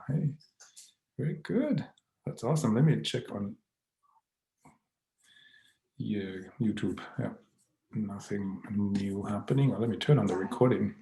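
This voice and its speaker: Gravelly low-voiced man in echoey room. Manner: relaxed, chuckles often, greets viewers by name. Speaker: host of a live online Q&A. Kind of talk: casual live-stream chat, reading viewer comments aloud.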